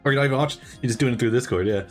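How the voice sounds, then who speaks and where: A man's voice: medium pitch, racing, faint music behind. A man streaming a visual novel, chatting casually with his co-player, laughing often and reading the narration aloud. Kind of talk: casual chat while playing a visual novel.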